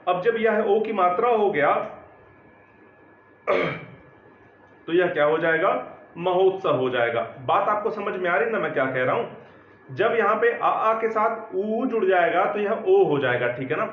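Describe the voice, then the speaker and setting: A man's voice: sits high, expressive, measured pace, long pauses, echoey room, phone-quality sound. A man teaching grammar, explaining step by step and often checking that students follow. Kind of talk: classroom lecture.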